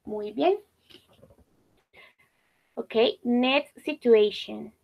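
High, unhurried woman teacher. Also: creaky, highs cut off. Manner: patient, repeats and praises student answers. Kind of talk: online class teaching.

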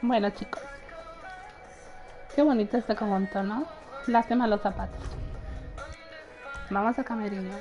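A woman's voice: medium pitch, steady tone, unhurried, pauses often, warm tone, dull audio. A young woman chatting casually while livestreaming a game, often laughing and greeting her viewers. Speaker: gaming livestreamer. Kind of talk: casual live gameplay chat. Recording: faint game music behind.

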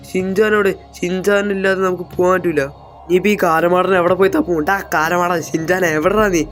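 A man role-playing a gangster in a game, talking to his viewers loudly, dramatically and in a panicky, bossy way. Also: high-pitched. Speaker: gameplay streamer.

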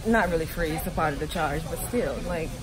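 A woman's voice: sits low, brisk. A woman in her twenties chatting candidly to her phone camera, laughing often. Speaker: beauty vlogger. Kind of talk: casual vlog chat. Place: home living room and nail salon. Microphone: phone camera at arm's length.

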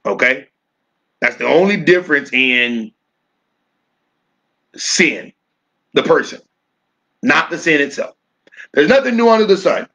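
A man, a pastor, teaching a bible study in a church. He sounds preachy, repeats his phrases and slows right down to stress single words. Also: on the high side, expressive, gravelly, pushed and bright, lo-fi sound.

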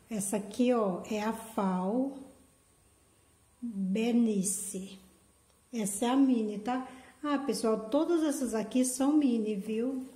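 A woman running an orchid channel unboxes plants in a casual vlog, gushing affectionately over each one and repeating "gente." Her voice is slightly high with a dark tone, and the room echoes.

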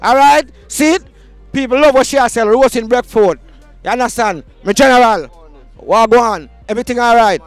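Hyped high-voiced Jamaican man. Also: moderate pace, clear, resonant tone, no echo, soft background music. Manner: hyped, chanting a catchphrase. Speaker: vlog host. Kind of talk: street vlog patter. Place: outdoor market.

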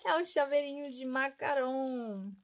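A woman's voice: sits high, a little slow. A young woman chatting through an unboxing, gushing and cooing over each cute item. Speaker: unboxing vlogger. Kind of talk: casual unboxing chat.

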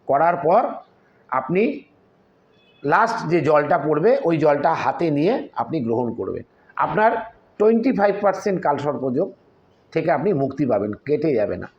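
Forceful man chanting mantras, lo-fi. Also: on the high side, very animated. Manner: chants Sanskrit mantras slowly. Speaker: tantric practitioner. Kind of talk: spiritual advice talk with chanted mantras.

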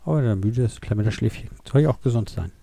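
A man chats his way through a life-simulation game in a loose, meandering style, full of fillers and half-finished thoughts. His voice is very dark and mellow, with a gravelly, husky grain. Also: mid-range voice, animated, quick pace, dry recording. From Germany. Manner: rambling, thinking aloud with many fillers. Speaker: let's play gamer. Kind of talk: casual game commentary.

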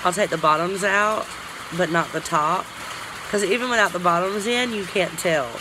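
A woman's voice: on the low side, moderate pace. A woman chatting casually in a rambling vlog, finger at her teeth as she talks. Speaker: vlogger. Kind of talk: casual chat. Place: outdoors in the rain. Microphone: phone. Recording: phone recording with loud rain noise.

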